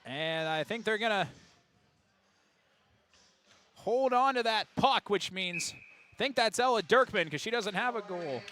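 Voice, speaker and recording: A man calling a girls' high school hockey game as play-by-play announcer on radio, with rapid calls that jump to excited shouts on big plays. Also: slight background noise. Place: ice arena broadcast booth.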